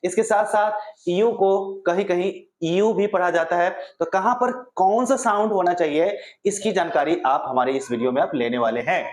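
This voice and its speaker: Guy teaching english at a board, asks a question then answers it, room echoes a lot. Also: high voice. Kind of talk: explaining pronunciation to viewers. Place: classroom at a board.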